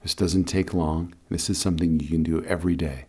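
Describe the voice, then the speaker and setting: A man leading a guided meditation in a calm, soothing, unhurried way. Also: sits low, husky. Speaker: guided meditation and breathing teacher.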